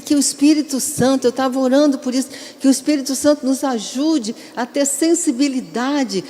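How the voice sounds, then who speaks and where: A middle-aged woman bishop preaches earnestly, pressing her congregation with direct questions. Her voice sits fairly high but stays warm and mellow. The sound trails off into the long reverb of a large church hall. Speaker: bishop and pastor. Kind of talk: sermon.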